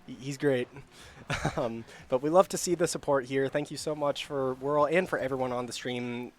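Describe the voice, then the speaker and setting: A man giving casual live color commentary on an esports match, chatty and quick to laugh. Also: mid-range voice, fairly even intonation. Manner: chatty, laughs often, gets loud on big plays.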